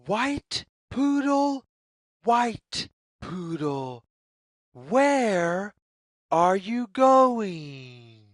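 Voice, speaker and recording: A teacher narrates a children's picture book for young children at an extremely unhurried pace, her pitch swinging up and down in a sing-song way. Her phrasing is careful and deliberate, and the dry recording carries very little room sound.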